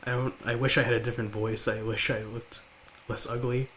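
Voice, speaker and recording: A young man in his late teens with a slight lisp, talking quietly and haltingly to the camera at home. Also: mid-range voice, little pitch movement, a little hiss or hum. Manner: halting, with many fillers and restarts. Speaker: vlogger. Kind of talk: confessional talk to camera. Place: large house, indoors.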